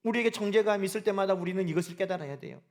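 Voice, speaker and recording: A man with a fairly high voice preaching during a live church service. He speaks earnestly to his congregation, and his declarations build in emphasis, caught on the sanctuary microphone. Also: very fast, a little mellow. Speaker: pastor. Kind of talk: sermon.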